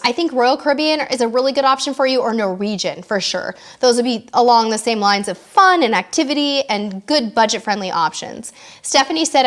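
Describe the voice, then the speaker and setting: A woman's voice: a little high, a bit bright. A woman in her forties hosting a live cruise Q&A, chatting casually and reading out viewer comments in a bubbly way. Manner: bubbly and chatty, quick asides.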